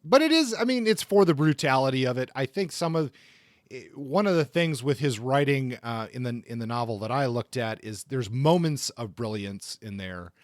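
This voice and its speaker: A podcast co-host with a medium-pitched voice and lively intonation goes through a literary biography from notes, semi-scripted but informal and conversational, at normal speed. The studio sound is clean with no echo.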